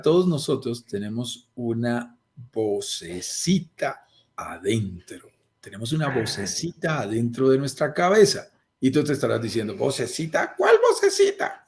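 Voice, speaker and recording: A man giving a lively motivational talk to a group, often acting out little quoted voices. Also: medium pitch, moderate pace. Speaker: guest speaker. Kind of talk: motivational talk on a video call.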